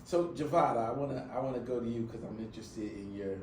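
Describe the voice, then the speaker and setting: A man hosting a book club in a casual chat, with a voice that rises and falls as he tells a lively story. He sounds a little away from the mic, in a roomy space with faint noise behind him. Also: mid-range voice, fast talker, far from the mic. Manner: animated storytelling, voice rising and falling with excitement. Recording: echoey room with faint background noise.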